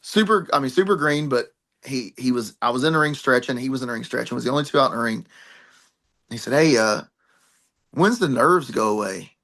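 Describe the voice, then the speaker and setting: This middle-aged wrestler and trainer speaks quickly in a medium-pitched voice that is creaky, bright and forceful. He's animated as he spins meandering, laugh-filled stories for a podcast interviewer, swearing occasionally.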